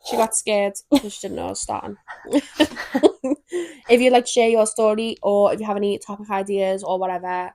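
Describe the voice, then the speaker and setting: A woman's voice: mid-range voice, dark tone, no room sound. Young woman podcast host, dry close sound. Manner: chatty, giggly, reads with quick asides. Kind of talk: casual chat and reading stories aloud.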